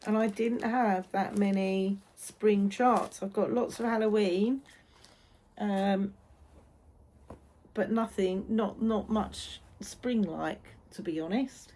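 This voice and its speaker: A British woman hosts a vlog in a casual, chatty way. Her pitch sits in the middle and her pace is slow. She tends to repeat phrases for emphasis. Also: dark tone. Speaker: host of a needlework vlog. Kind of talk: casual chat.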